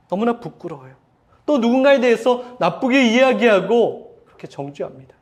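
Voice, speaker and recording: High-voiced pastor preaching with feeling. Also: male voice. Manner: emotional preaching, voicing quoted pleas with swelling intensity; addresses congregation directly, asks questions. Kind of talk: sermon.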